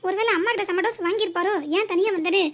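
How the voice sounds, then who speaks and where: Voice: very high-pitched, steady tone, noisy background. A voice actor doing a scolding young village wife. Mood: puzzled. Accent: southern Tamil Nadu. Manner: scolding, rapid-fire complaints. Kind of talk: cartoon voice acting.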